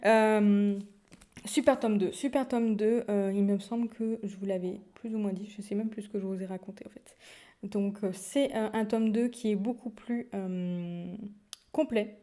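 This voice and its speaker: A woman's voice: medium pitch, fairly even intonation, normal speed, dark tone. A young woman chatting casually on her video blog about books, full of fillers, restarts and little laughs. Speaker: book vlogger. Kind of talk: casual chat.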